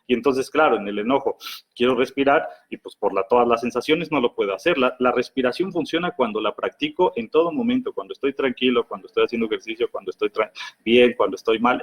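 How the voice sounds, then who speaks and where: A man with a Mexican accent talks through practical advice on anger in a lively, explanatory way. His voice has a husky, slightly rough edge, and his pitch sits in an ordinary middle range. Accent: Mexican Spanish. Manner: lively, acts out imagined quarrels in other voices.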